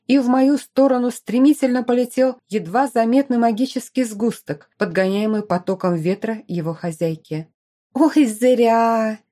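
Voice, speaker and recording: A woman reads a first-person novel aloud in a mellow, warm voice at a middle pitch. Her storytelling is expressive and scripted, and she gives each sentence a clear shape. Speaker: audiobook narrator.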